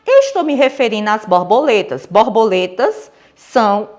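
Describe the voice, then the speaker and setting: Lively Brazilian woman teaching children. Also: a little high. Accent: Brazilian Portuguese. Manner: patient, repeats key points, checks with "certo?"; pronounces example words slowly and with strong stress. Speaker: primary school teacher. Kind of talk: recorded remote lesson for children.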